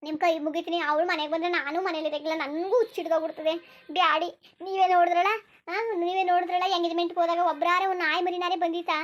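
A very high, flat-toned village mother in a cartoon, played by a woman, begging quickly and earnestly for her son. The voice barely rises or falls, pressing its pleas in a rush. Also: muffled recording. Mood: pleading. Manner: pleading, begging. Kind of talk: cartoon dubbing.

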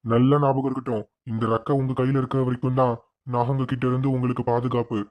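A man's voice: medium pitch, little pitch movement, fast, a little mellow, close to an everyday voice. A man voicing a wise old guru in a cartoon, speaking in a solemn, warning way. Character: wise old male guru giving a charm. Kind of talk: cartoon voice acting.

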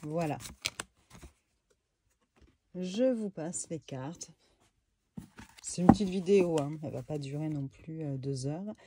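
A woman casually reviewing a tarot deck for her viewers in a room at home, relaxed and chatty, with lots of fillers and small asides. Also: deep voice, slow pace, pauses often, heavy background noise.

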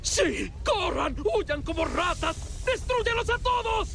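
A man's voice: extremely high pitch, big pitch swings, takes it slowly, gravelly, fairly bright tone, a little hiss or hum, full character voice. A man with a Latin American Spanish accent playing a power-mad, gloating scientist villain in an anime dub, theatrical and shrieking. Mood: shrill frenzy. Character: manic scheming scientist, brother of a giant, power-mad. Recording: music behind the voice.

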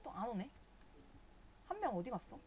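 A woman's voice: on the high side, sing-song, moderate pace, darkish tone, slight background noise. A woman streaming a video game live, chatting casually and cursing at the characters in exasperation.

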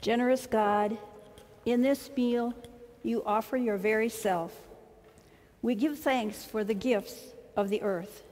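A woman reading a formal prayer in a measured, reverent way, heard with a cathedral echo. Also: on the high side, fairly even intonation, darkish tone. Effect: cathedral echo, long reverb. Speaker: prayer leader. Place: large church sanctuary. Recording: long reverb of a big church hall.

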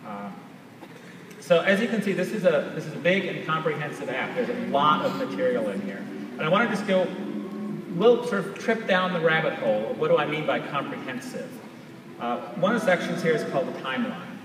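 A man's voice: fairly high pitch, expressive, fairly quick. A man giving a conversational, explanatory live product demonstration on stage as a presenter. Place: large auditorium stage, recorded from far in audience. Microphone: distant camera picking up PA sound. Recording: echoey large hall, distant, noisy audience recording.

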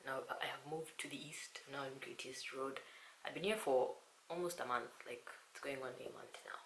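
A hoarse young woman from Zambia chatting casually to her vlog audience at home, often half-whispering. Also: very deep voice, normal speed. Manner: half-whispering, soft and hushed at times. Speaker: vlogger. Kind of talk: casual chat. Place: small quiet room at home. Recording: echoey room with faint hiss.

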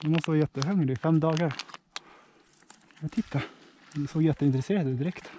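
A very tired man narrating a vlog as he climbs a tall tree outdoors to rescue a cat, coaxing it with gentle calls. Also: on the high side, slight background noise.

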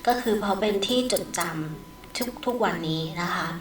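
A woman teaching English with a Thai accent, explaining in Thai and reading English phrases slowly aloud, adding polite particles after nearly every phrase. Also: medium pitch, roomy sound, recorded from a distance, a little hiss or hum, low-quality recording. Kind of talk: recorded online lesson.

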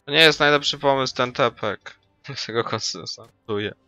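A man hosting a gaming video, joking loudly and teasing his friends in casual gameplay chat. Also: mid-range voice, moderate pace, highs cut off. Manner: loud, joking, crude teasing.

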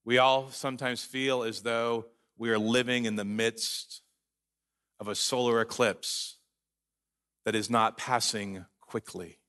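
A man preaching a sermon as pastor, earnest and emphatic, slowing down to read scripture aloud. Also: medium pitch, fairly even intonation, a bit bright. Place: church sanctuary.

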